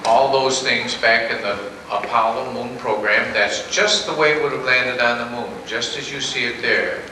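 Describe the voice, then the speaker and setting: A man's voice: mid-range voice, normal speed, recorded from a distance. Man guiding a tour, heard on old VHS tape. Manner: relaxed, repeats the same script to each new group. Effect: old home VHS camcorder tape. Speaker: tour guide. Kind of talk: guided tour patter to visitors. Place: large exhibit hall indoors. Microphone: far camcorder mic. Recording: echoey hall on a noisy old VHS tape.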